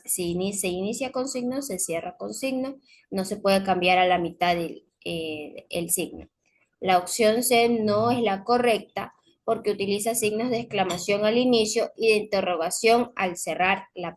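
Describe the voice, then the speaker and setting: A woman's voice: mid-range voice, rough recording. A woman teacher going through test questions one by one, explaining each answer with frequent fillers and self-corrections. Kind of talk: recorded class explanation.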